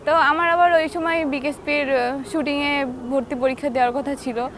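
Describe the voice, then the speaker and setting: High-voiced young woman telling stories. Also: fairly even intonation, brisk, slight background noise. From Bangladesh. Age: young adult. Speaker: guest, boxer. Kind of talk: casual interview chat.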